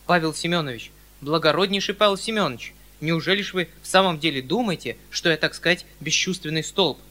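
Flustered, pleading landowner uncle, high and bright, declaiming, read by a male narrator. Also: brisk.

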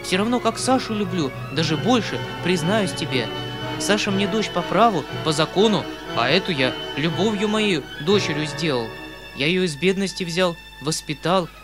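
An emotional, soft-hearted old uncle who pleads and exclaims, as a male audiobook reader puts him on. The voice sits a little high, and faint music plays under the reading. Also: lively intonation, moderate pace. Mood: heartfelt. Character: emotional kindly older male uncle, anxious.

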